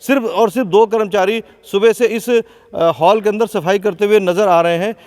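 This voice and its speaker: A man's voice: high voice, steady tone, moderate pace, a little mellow. A man reporting live from inside a large indoor sports hall, questioning and accusing as he speaks. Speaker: field reporter. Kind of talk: on-the-spot news report. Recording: long echo of a big hall.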